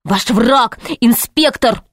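A woman voicing an excitable young boy who pleads urgently in an audiobook story. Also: fairly high pitch, slow, no room sound, studio quality.

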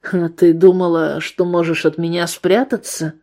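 A woman's voice: on the low side, flat delivery, a little slow, warm tone. A woman reading the lines of a brutal, threatening male ex-convict gunman in an audiobook, barking coarse threats. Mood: menacing.

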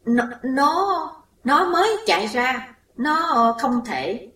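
A woman's voice: medium pitch, expressive, takes it slowly, a bit bright. Woman doing a shaken, guilty old mother. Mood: shaken pleading. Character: frightened older mother, guilt-ridden and shaken. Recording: roomy echo, distant mic.

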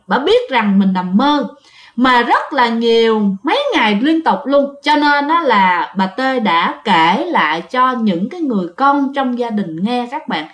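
Storyteller: woman, Southern Vietnamese accent, chatty ghost-story narration, bright high voice, roomy echo. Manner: chatty, addresses listeners directly.

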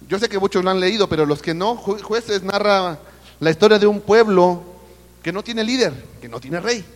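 Preaching at a church service, a Mexican man speaks in a high voice with a Mexican Spanish accent, the audio carrying a big-room feel. He refers to his listeners as brother and keeps putting questions to the congregation.

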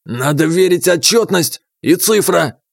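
A man's voice: fairly high pitch, lively intonation, a little slow, gravelly, no echo, exaggerated voice. A man voicing a pedantic German treasurer who speaks clipped, broken Russian with a German accent. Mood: indignant. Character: fussy German male treasurer, pedantic, shrill when cornered.

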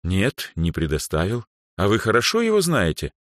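A man voicing a polite, good-natured older male music organizer in an audiobook, speaking in a courteous, smooth way. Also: on the low side, wildly swooping pitch, normal speed, fairly bright tone, no room sound, studio quality, voice pushed up.

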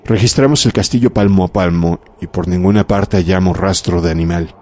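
A man narrating a horror audiobook in a measured, dramatic way. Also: low voice, darkish tone. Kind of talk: scripted narration of a horror story.

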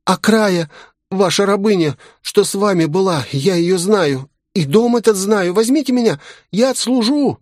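A man's voice: expressive, a little slow, no echo, clean studio sound. Man doing a ragged street boy begging. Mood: tearful pleading. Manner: high, tearful begging. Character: ragged young boy thief, pleading desperately.

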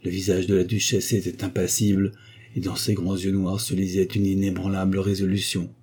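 Male audiobook narrator, measured literary reading; dark, husky tone. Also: low-pitched, monotone.

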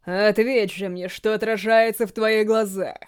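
A woman voicing a refined, sinister male ghoul gourmet in a storybook reading, slow and theatrical. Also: mid-range voice, steady tone, clean tone, close to an everyday voice. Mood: menacing. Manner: slow, savoring, theatrical delivery.

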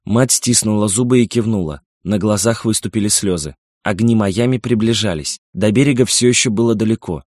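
A male audiobook narrator with a lowish voice reads a novel in steady, measured storytelling. The recording is dry and close, with no room sound at all. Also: dry recording.

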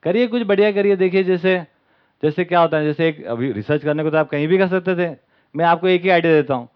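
A man's voice: fairly high pitch, quick pace, natural voice. A man doing a haughty corporate donor scolding. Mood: condescending. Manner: scolding, talks down to others. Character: haughty middle-aged male corporate donor, condescending. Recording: dull lo-fi recording.

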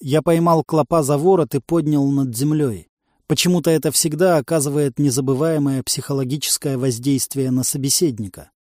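A male audiobook narrator reading in the first person with a dry, wry tone. His voice is mellow and rather dark, pitched a little high for a man. It is recorded close and dry, with no room sound. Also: steady tone, brisk, no echo.

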